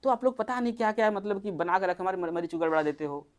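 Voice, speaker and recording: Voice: mid-range voice, animated, fast. Chatty doctor. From Uttar Pradesh, India. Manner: chatty, asks the listeners many rhetorical questions. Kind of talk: informal health talk to a small group.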